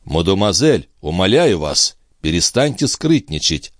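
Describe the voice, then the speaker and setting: A stern middle-aged doctor in an audiobook, read by a man, presses his point in a measured, insistent manner. His voice sits fairly low but swings with plenty of lift. The sound is dry and close. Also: sing-song, no room sound. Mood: firm.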